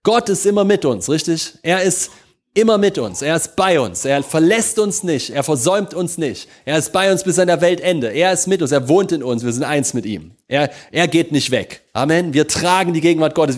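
Man preaching with emphatic swings. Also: on the high side. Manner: emphatic, swings from loud slow proclamation to soft intimate prayer; addresses congregation with repeated questions. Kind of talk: sermon.

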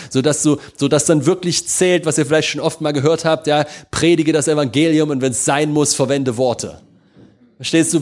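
A man preaching a sermon, swinging between slow, emphatic proclamation and soft, intimate prayer, often checking in with his congregation. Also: a little high. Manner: addresses congregation with repeated questions.

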